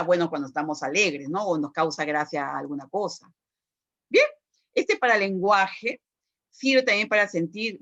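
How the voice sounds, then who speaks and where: A woman's voice: fairly low pitch, a bit bright, lo-fi sound. A woman teacher giving a recorded class lecture, explaining step by step and checking in with frequent "¿no?" tag questions and "este" fillers.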